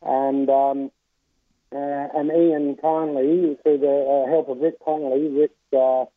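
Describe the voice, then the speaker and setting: A man's voice: medium pitch, little pitch movement, no room sound. Man over a tinny phone. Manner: halting, with many filler sounds. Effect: heard over a phone line. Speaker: racehorse trainer. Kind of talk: phone interview on radio.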